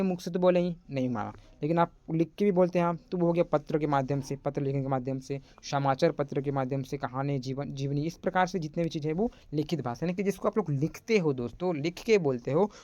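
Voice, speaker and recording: A man's voice: fairly high pitch, a little mellow, dry recording. A young man teaching an online class in a casual, chatty way, often calling his listeners friends.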